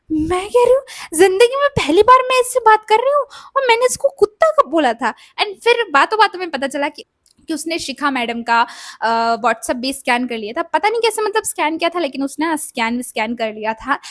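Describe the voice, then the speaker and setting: A young woman vlogger telling a personal story in a casual storytime style, animated and acting out the voices she quotes. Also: high voice, no room sound, clean studio sound.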